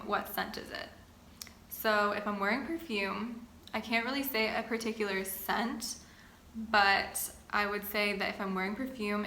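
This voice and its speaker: A woman in her twenties from the Boston area sits at home and answers viewer-style questions one by one in a relaxed, chatty way. Her voice is bright and clear. The room is echoey, with a faint hum of ambient noise behind her. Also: medium pitch. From Boston area, United States. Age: 20s. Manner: chatty, reads questions then answers at length. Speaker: vlogger. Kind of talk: sit-down get-to-know-me chat.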